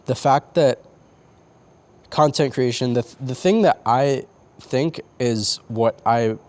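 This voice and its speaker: A young man vlogging late at night on a roof, talking in halting, repeated starts and swearing casually, tearful at times. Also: mid-range voice, darkish tone. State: tearing up. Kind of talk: late-night confessional vlog. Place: on a roof outdoors.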